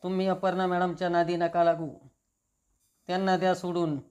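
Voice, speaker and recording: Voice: mid-range voice, flat delivery, moderate pace, a little mellow, close to an everyday voice. The narrator reading the lines of a blunt, loyal male office assistant who pleads with his boss. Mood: pleading.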